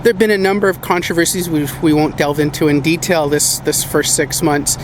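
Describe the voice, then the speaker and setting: A man's voice: a little high, fairly even intonation, fairly quick, noisy background. A man asking questions as a casual interviewer.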